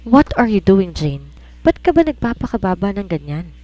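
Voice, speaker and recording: A woman's voice: medium pitch, very animated, normal speed, natural voice. A woman voicing an angry, drunk young man who coldly pushes a woman away in an audio romance story. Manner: cold, cutting, shouting.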